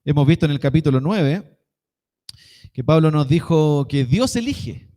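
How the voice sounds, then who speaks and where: A man's voice: fairly high pitch, expressive, measured pace, dark tone. A young man with a Chilean Spanish accent preaching a sermon, telling a personal story in a casual, slangy way.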